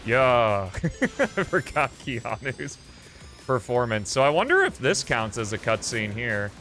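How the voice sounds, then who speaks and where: Speaking slowly but very animatedly, a man hosting a livestream rambles through casual gameplay commentary, thinking aloud. His medium-pitched voice is a bit bright, with video game music behind it.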